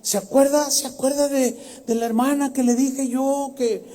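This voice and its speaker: A man's voice: extremely high pitch, fairly even intonation, normal speed, warm tone, in a large hall, voice pushed up. A man voicing a frantic, weeping male pastor who begs for help. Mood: panicked pleading.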